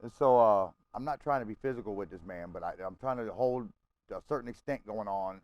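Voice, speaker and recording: Low-voiced man telling a profane, rambling story. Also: fairly quick, a little mellow, rough recording. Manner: profane, rambling, keeps checking in with listeners. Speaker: gamer chatting with friends. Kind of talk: casual storytelling over game chat.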